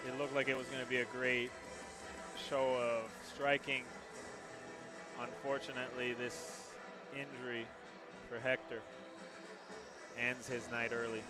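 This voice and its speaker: A man's voice: mid-range voice, flat delivery, unhurried, pauses often, music in the background. A man commentating on mixed martial arts as a fight commentator, often repeating words for emphasis. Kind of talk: MMA commentary.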